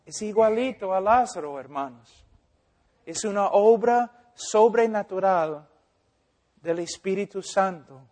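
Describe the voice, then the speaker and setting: A man preaching a sermon as pastor, speaking with slow, deliberate emphasis and acting out the words of the people in his examples. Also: sits high, a little mellow. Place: church hall. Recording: long reverb of a large hall.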